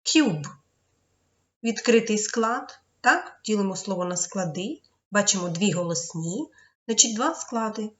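A woman's voice: medium pitch, fairly bright tone, dull audio. A woman teaching a children's English lesson, patiently explaining syllables one step at a time. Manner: slow, patient, spells out syllables.

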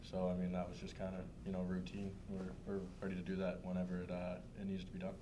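A man's voice: low-pitched, monotone, fast talker, background noise. A young man, a hockey player, talking casually with lots of fillers at a press table mic. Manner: casual, filler-heavy, laid-back. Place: press room, seated at a table. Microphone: table microphone.

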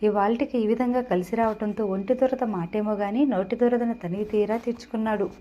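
A woman's voice: on the high side, fairly even intonation, fairly quick, warm tone, muffled recording, slight background noise. A woman narrating a serialized audio novel, reading the dialogue lightly within the story.

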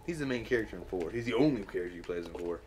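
A man watching a friend play a horror game, excitable and chatty. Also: rapid-fire, over a noisy crowd. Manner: excitable, jumps up in pitch. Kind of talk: casual gaming chat.

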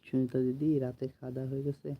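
A man doing a late-night live stream from home, speaking softly so he won't wake the household and repeatedly asking viewers to comment. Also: mid-range voice, flat delivery, very fast, husky, narrow, tinny audio. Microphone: phone.

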